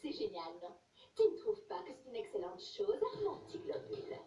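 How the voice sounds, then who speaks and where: A woman's voice: fairly high pitch, big pitch swings, normal speed, mellow. A woman voicing a bossy, centuries-old vampire mother who mocks her daughter, in an amateur dub. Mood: sneering. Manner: mocking, domineering. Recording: echoey room, distant mic, noisy.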